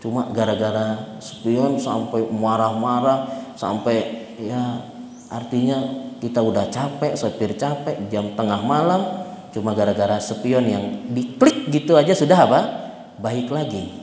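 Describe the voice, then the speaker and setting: A man's voice: medium pitch, unhurried. A man giving a mosque sermon. He tells stories and keeps asking the congregation rhetorical questions. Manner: asks the congregation rhetorical questions, lively storytelling. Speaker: Islamic preacher. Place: mosque hall. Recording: echoey reverberant mosque hall.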